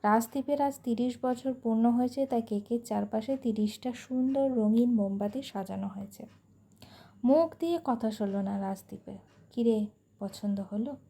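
A woman's voice: fairly high pitch, normal speed, vocal fry. A woman reading a family story aloud, narrating and voicing every character in the dialogue herself. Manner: voices all characters herself, lively dialogue. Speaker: story reader.

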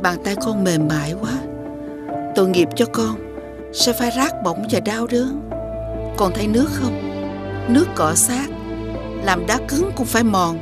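A woman's voice: mid-range voice, expressive, measured pace, pauses often, close to an everyday voice. An actress voicing a wise, stern old fairy woman in a cartoon, who gives solemn, earnest warnings. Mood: gentle. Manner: solemn, earnest warnings, rising urgency on key orders. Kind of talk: dubbed cartoon acting. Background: background music.

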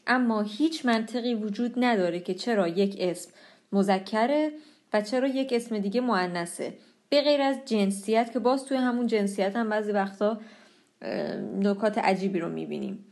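A young woman teaching a language lesson, explaining pronunciation patiently and slowing down on example words. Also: mid-range voice, expressive, darkish tone.

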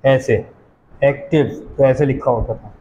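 A man from Pakistan teaching a class, explaining English pronunciation patiently, repeating words slowly and putting questions to the students. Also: mid-range voice, warm tone, highs cut off, slight background noise. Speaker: college teacher.

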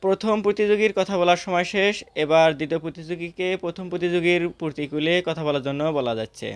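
A man moderating a debate, briskly announcing each turn and time limit. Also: sits high, smooth.

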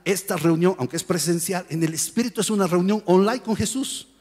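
A male pastor preaching a sermon in a church, telling Bible stories in a lively way and acting out the voices of the people in them. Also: high voice, a little fast, breathy edge, long reverb tail. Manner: animated storytelling, acts out voices and shouts. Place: church hall.

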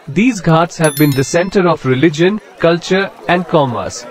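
A man giving a scripted travel narration in an even, informative guidebook manner. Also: fairly high pitch. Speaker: travel vlogger.

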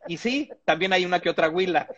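A man's voice: high-pitched, a little fast, fairly bright tone, highs cut off. A man from Mexico, reading a humorous text aloud with comic asides and chuckles.

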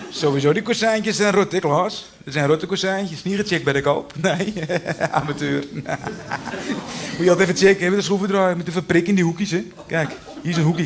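A man's voice: sits high, slight background noise. A man playing a pushy, overly familiar contractor in a cabaret sketch, talking in brash, repetitive sales patter. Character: pushy chummy male contractor, upselling. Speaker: contractor inspecting a house.

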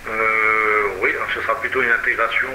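Sharp, bright male controller on roomy radio. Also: fairly low pitch, level tone, brisk. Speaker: air traffic controller on a simulator network. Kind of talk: air traffic control radio phraseology. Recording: roomy, slightly noisy radio transmission.

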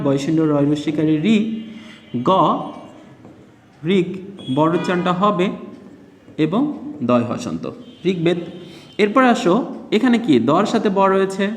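A man teaches a grammar lesson, breaking words into syllables and asking his students questions as he goes. His voice sits fairly high and moves around a lot. The room is echoey, with a long reverb trailing each phrase. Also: a little hiss or hum. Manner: spells words out syllable by syllable, then asks the class questions. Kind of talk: classroom lesson explaining spelling rules.

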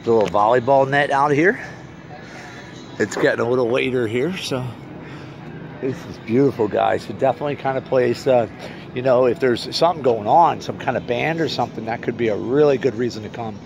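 With a medium-pitched, brisk and creaky voice, this forties-aged man gives an unscripted walk-around tour for his vlog about local bars. He rambles and thinks aloud into a handheld phone at arm's length as he moves through the parking lot and around the bar, and the outdoor audio is noisy.

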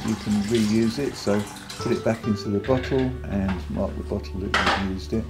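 Running tap water and loud music fill the background as a man demonstrates photography at his kitchen sink indoors at home. He speaks at a moderate pace with a fairly low pitch, keeping his how-to casual and practical, with the occasional filler.

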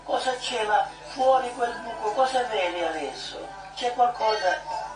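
A woman's voice: fairly high pitch, unhurried. A woman leading a guided prayer meditation, coaxing her listener on with short repeated prompts. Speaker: prayer leader. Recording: echoey room from a distance with music.

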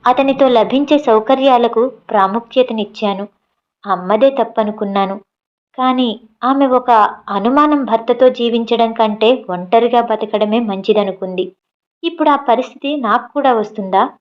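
A woman reads a first-person story aloud at a calm, steady pace. Her voice sits a little high. The recording is dull and lo-fi. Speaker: audiobook narrator.

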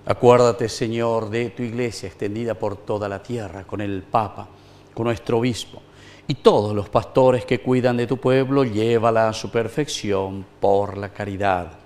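In a small chapel paneled in wood, a middle-aged Paraguayan priest recites the prayers of Mass with measured solemnity. His voice sits lowish and steady, with a somewhat dark tone.

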